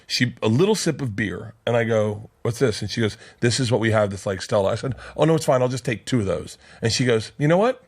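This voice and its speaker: Fast-talking animated storyteller man. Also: medium pitch, slightly rough. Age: 50s. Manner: fast, profane, worked-up retelling with quoted voices. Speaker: podcast co-host telling a story. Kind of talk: animated storytelling in casual chat.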